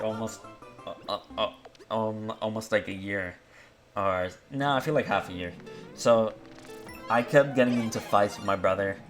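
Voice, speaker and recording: A young man from Canada with a fairly low voice talks through a confessional monologue. He rambles, swears freely and keeps restarting his sentences, sounding downcast. Faint music plays underneath. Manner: rambling, profane, full of fillers and restarts. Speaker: vlogger.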